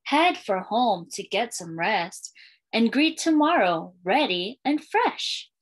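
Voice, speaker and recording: The recording is rough as a school librarian in her thirties reads a picture book to young children, her slightly high voice slow and sing-song. She sits in a small indoor room with bookshelves and a curtain, telling the story in a lilting way.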